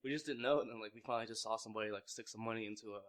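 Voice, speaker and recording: With a lowish voice, he races through his words. He's a mid-twenties Vietnamese founder of a young clothing brand, casually interviewed and telling his story in a rambling way, with lots of "like," fillers, and repeated restarts.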